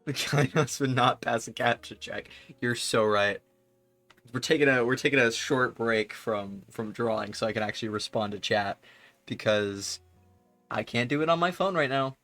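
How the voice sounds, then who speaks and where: A man's voice: medium pitch, normal speed, a bit bright, soft background music. A young adult man streaming live, chatting casually with his audience in a rambling way and laughing often.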